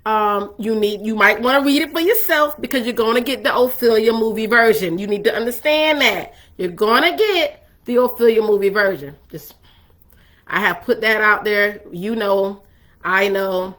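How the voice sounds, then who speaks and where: A woman teaching from the Bible in a chatty, animated way, full of asides to her listeners. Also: medium pitch, moderate pace.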